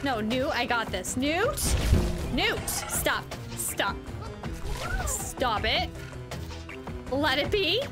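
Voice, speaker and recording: A woman's voice: high voice, big pitch swings, drawn-out words, pauses often. A woman streaming a game, talking sarcastically to the characters as she plays. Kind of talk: casual gameplay commentary. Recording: loud game music behind. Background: game music.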